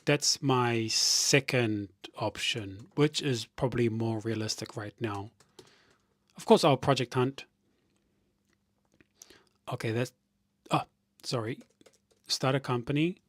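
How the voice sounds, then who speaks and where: A man chatting casually on a live stream, thinking out loud and reading viewer comments aloud, with frequent restarts. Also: medium pitch, takes it slowly, pauses often, no echo.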